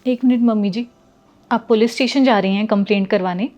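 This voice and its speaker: A woman playing a patient young daughter-in-law who speaks gently and pleadingly to her family. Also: medium pitch, fairly quick, muffled recording, lightly acted. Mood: accusing. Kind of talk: Hindi short film acting.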